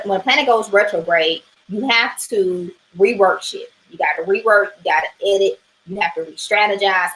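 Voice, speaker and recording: A woman's voice: mid-range voice, a bit bright, rough recording. A woman talking through a weekly astrology reading in a casual livestream, chatty and loose, swearing now and then and asking "right?" a lot. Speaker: tarot and astrology reader.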